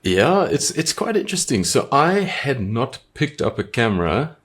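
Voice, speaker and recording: A man's voice: medium pitch, very animated, moderate pace, a bit bright, breathy edge. A man from New Zealand with a New Zealand accent, co-hosting a podcast in an easygoing, hesitant way full of "um" and "yeah". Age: adult, married. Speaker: podcast co-host. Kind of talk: casual podcast chat.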